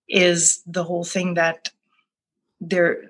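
Poor audio captures a middle-aged Swedish life coach, native in Swedish, whose husky, fairly low voice stays monotone and slow. She reflects thoughtfully on her path in an interview answer, soft-spoken and prone to frequent restarts.

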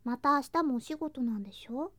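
In an intimate ASMR voice drama, a woman plays an affectionate, playful younger girl cousin, addressing the listener softly and sweetly while coaxing, slipping into whispers and singsong. Her voice sits high and moves fairly quickly, with a caring tone. There's no room sound.

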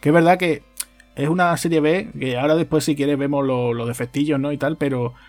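A man's voice: a little high, steady tone, fairly quick, darkish tone, dry recording, faint music behind. Chatty man talking films on a podcast. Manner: chatty, tags phrases with "¿no?". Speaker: podcast co-host. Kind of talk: casual film podcast chat.

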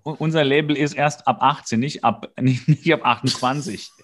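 A man from Hesse, Germany, co-hosts a podcast, giving a casual, comedic recap of an episode full of jokes, wry asides and bits of mimicry. He speaks in a mid-range voice at a moderate pace.

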